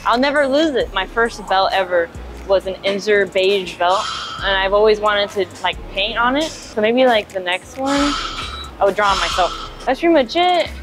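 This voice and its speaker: A woman's voice: mid-range voice, lively intonation, moderate pace. Young woman rambling casually on a lapel mic. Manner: rambling, heavy on filler words. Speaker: powerlifter. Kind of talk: casual vlog chat. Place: indoor gym. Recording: background music under the voice.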